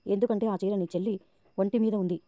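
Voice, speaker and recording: A scheming young woman who goads and mocks, talking quickly in a mellow, dark tone, read aloud by a woman narrator. The sound is dry and dull. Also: medium pitch, steady tone, no room sound, lightly acted. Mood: sarcastic. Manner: sarcastic and goading. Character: scheming sarcastic young woman plotting against a rival.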